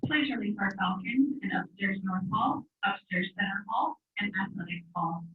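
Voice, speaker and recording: A woman reads school announcements over a PA system, steady and measured like someone going down a list. Her voice sounds thin and tinny, like a phone line. It comes from a speaker far off in an echoey room. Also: mid-range voice. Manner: even, measured list-reading. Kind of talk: reading dismissal announcements. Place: classroom, heard through a ceiling speaker.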